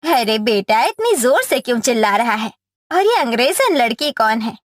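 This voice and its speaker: A woman voicing a sharp-tongued middle-aged mother-in-law in a cartoon story, hurling mocking insults. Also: a little high, big pitch swings, normal speed, no room sound, clean studio sound. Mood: fussing.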